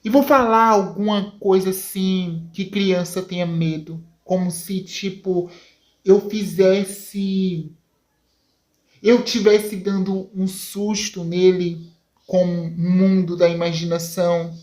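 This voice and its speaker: Storybook villainess, cold and scheming, low and hushed, put on by a woman narrator. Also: fairly even intonation, slow. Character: scheming villainous mother plotting coldly.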